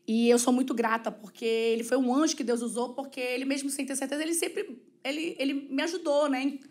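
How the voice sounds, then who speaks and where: A woman's voice: high-pitched, steady tone, a little fast, darkish tone. A woman with a Brazilian Portuguese accent, a podcast guest telling a personal story in an earnest, emotional way and acting out the voices of people she quotes. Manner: acts out quoted dialogue. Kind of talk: personal storytelling in a casual interview.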